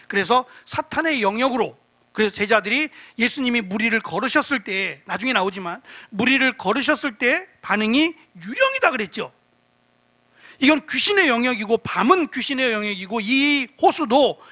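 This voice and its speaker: A man's voice: extremely high pitch, bright, forceful tone. A middle-aged male pastor preaching an expository sermon, often asking the congregation questions and acting out quoted lines. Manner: asks the congregation questions, acts out quoted speech.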